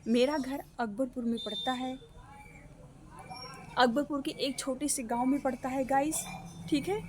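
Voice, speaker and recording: Standing by a guava tree outdoors, the young Ambedkar Nagar vlogger from Uttar Pradesh, India, talks to her viewers on a phone, repeatedly addressing them as guys. She speaks a little slowly in a high, steady voice against a noisy background.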